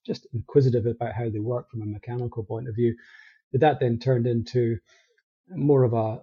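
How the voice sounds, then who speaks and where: A middle-aged Scottish man chatting as an interview guest, relaxed and rambling, restarting his sentences often. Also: medium pitch, husky, dull audio. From Scotland. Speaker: guest, company co-founder. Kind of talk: casual interview chat.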